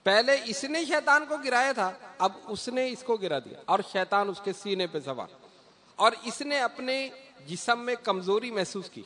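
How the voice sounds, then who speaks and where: A man preaching a storytelling sermon, telling moral tales lively and acting out the dialogue himself. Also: very high-pitched, a little slow. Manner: animated storytelling, acts out the dialogue.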